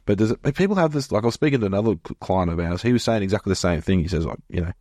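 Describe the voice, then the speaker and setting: A man's voice: fairly low pitch, expressive, very fast, dark tone, no echo, clean studio sound. A man with a broad Australian accent chatting casually on a podcast as co-host, blokey and full of informal slang. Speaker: business owner and podcast co-host. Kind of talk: casual conversational podcast chat.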